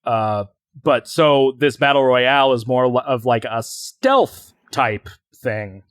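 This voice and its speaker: This man co-hosts a podcast, chatting casually and rambling, with plenty of fillers and restarts. His mid-range voice has lively intonation and a slow pace, recorded at studio quality with no room sound.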